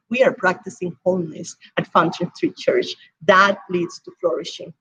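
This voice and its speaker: A woman from Cuba preaching a sermon as pastor, with emphatic swells and hushed drops. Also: medium pitch, husky, highs cut off.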